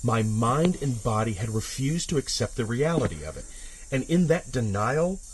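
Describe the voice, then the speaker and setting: A man with a medium-pitched, very animated voice narrates a horror story in the first person, dramatic and suspenseful. His delivery is measured, dropping to hushes and swelling with intensity. The audio is poor, with slight background noise.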